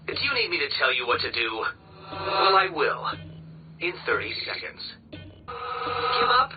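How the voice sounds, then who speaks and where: Smug male supervillain, theatrical, condescending, highly animated pitch swings, muffled radio-like sound, video game taunts. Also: measured pace, in a large hall, far from the mic, music in the background. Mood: contemptuous. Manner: pompous, sneering, over-enunciated theatrical delivery.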